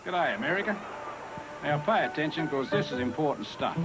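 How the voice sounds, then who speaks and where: A cheery Australian-accented pitchman, as a man plays him in an old TV ad, jokey and breezy. His voice sits high and bounces lively. Loud music plays beneath. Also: brisk, rough recording. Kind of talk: 1980s TV commercial. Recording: off-air TV tape with loud music.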